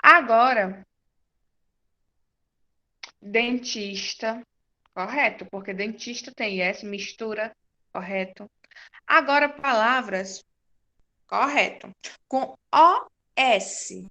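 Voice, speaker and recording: A woman teacher, giving a patient, slow-paced class to young children and confirming their answers. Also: on the high side, pushed and bright, lo-fi sound. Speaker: primary school teacher.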